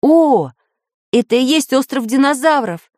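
A woman's voice: fairly high pitch, very animated, brisk, dry recording, studio quality, pitched above the performer's own voice. A woman voicing a stern, practical male inventor who captains a flying ship, speaking in a raised, scolding tone. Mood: eager.

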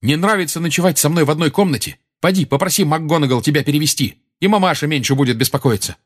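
A man's voice: fairly high pitch, fast talker, voice pushed up, close to an everyday voice. A man voicing a sullen, angry teenage boy who snaps sharply. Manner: sharp, snapping.

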